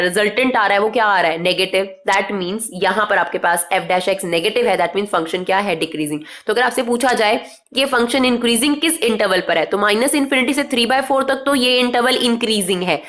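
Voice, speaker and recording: A woman with a somewhat high voice teaches math patiently, step by step. She keeps asking her class questions and answering them herself. Her English carries an Indian accent. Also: fairly bright tone. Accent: Indian English mixed into Hindi.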